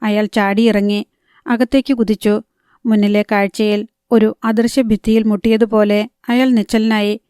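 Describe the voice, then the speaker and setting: Even-voiced woman reading a crime thriller. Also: mid-range voice, moderate pace, clean tone, no echo, clean studio sound. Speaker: audiobook narrator. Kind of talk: scripted narration of a crime thriller.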